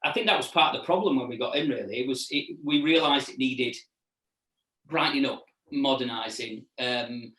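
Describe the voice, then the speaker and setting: A middle-aged man, chatting casually as an interview guest and haltingly repeating words as he recalls things. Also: mid-range voice, a bit bright. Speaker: restaurant owner and chef, interview guest. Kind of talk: casual interview chat, reminiscing. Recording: echoey room, distant mic.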